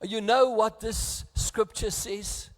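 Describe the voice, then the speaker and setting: A South African man preaching a sermon as pastor, earnest and close to tears, his delivery swinging between hushed and raised. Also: high-pitched, fairly even intonation, takes it slowly. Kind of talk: bilingual sermon. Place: church. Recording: echoey church hall.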